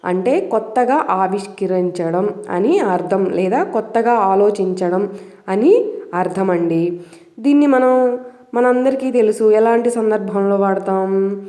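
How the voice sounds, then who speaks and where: A woman's voice: mid-range voice, a little slow, dark tone, reverberant. A woman with a Telugu accent teaching English pronunciation, explaining step by step and asking questions. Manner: patient, explains step by step, asks rhetorical questions.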